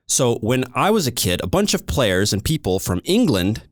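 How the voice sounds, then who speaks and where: American male podcast host; fiery, emphatic ranter with a very lively pitch. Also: moderate pace, no echo, studio quality. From United States. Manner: heated, animated, emphatic. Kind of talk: ranting podcast monologue.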